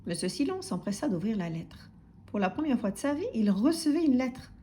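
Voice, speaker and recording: A woman narrating a children's story aloud in an expressive, soft-spoken way, sometimes dropping to a whisper. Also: fairly high pitch, brisk, a little hiss or hum.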